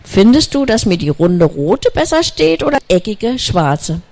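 A storyteller voicing an impatient, excitable young female snowy owl in a children's story, with eager exclamations. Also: measured pace. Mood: excited. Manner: eager, exclaiming, high and bright. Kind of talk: storybook reading.

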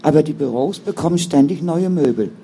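A man's voice: on the high side, animated, normal speed, warm tone, a little hiss or hum. A man voicing an angry, defiant young woman who is a mother, with indignant, bitter outbursts.

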